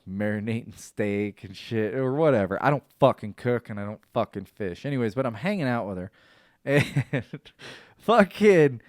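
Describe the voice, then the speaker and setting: A man hosting a casual podcast, telling profane stories in an animated way, his voice leaping up when he gets excited. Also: on the low side, no echo, clean studio sound. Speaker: podcast host. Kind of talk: casual storytelling chat.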